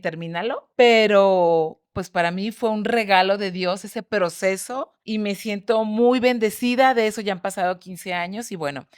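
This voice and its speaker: A woman's voice: mid-range voice, no echo, clean studio sound. A middle-aged woman cheerfully telling a personal faith testimony. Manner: cheerful, animated storytelling. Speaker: guest sharing a testimony.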